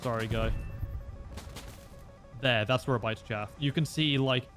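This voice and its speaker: Relaxed young man streaming a game. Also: medium pitch, measured pace, soft background music. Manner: relaxed, explains tactics with many fillers. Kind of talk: casual gameplay commentary.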